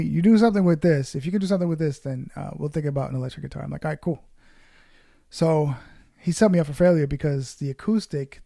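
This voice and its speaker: A man's voice: fairly high pitch, creaky, dark tone, no room sound, clean studio sound. A man from Puerto Rico, born in New York, hosting a casual guitar livestream, greeting viewers by name in a loose, chatty way and swearing now and then. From born in New York, raised in Puerto Rico. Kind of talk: casual livestream chat reading comments.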